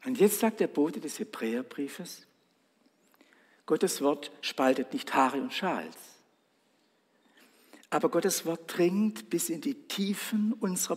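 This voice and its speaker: A man preaching a sermon, dramatic and emphatic, slowing down to stress his words. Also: a little high, slightly rough, long reverb tail. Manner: dramatic, slow and emphatic with swells of loudness.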